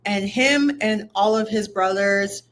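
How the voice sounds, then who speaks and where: A woman's voice: mid-range voice, takes it slowly. Chatty young woman from Minnesota. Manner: chatty, many fillers like "um" and "like". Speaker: guest, women's basketball commentator. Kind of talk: casual interview.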